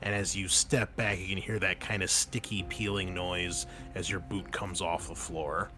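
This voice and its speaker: A man acts as game master for a tabletop game, narrating casually, conversationally and descriptively. His low-pitched voice is flat at a moderate pace, with music playing underneath.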